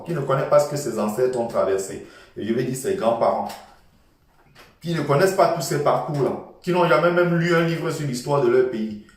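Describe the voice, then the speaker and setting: A man's voice: mid-range voice, a little mellow, far from the mic. Passionate man lecturing in an echoey room. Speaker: political commentator. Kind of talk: impassioned political monologue.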